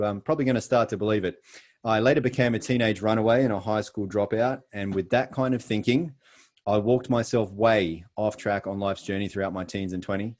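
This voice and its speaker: A middle-aged Australian man makes an earnest, emphatic sales pitch over a video call, pausing frequently. His voice is lowish with a darkish tone.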